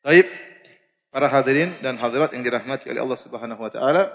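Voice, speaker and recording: A man preaching, lively and humorous, often asking the audience questions. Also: mid-range voice, fast. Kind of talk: Islamic lecture. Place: mosque lecture hall. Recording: muffled lecture recording in a reverberant hall.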